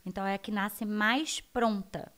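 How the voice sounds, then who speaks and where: A woman with a Brazilian accent, a guest educator explaining child development in an animated interview. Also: mid-range voice, moderate pace. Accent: Brazilian Portuguese. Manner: animated, acts out her children's voices.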